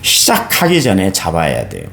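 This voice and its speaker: A man preaches at a dawn prayer service, his low, gravelly voice swooping up into sudden emphatic highs as he speaks straight to the congregation. The sound is roomy and echoey, as in a church sanctuary, with a faint hiss underneath. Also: wildly swooping pitch, moderate pace, fairly bright tone. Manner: addresses congregation directly. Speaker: pastor.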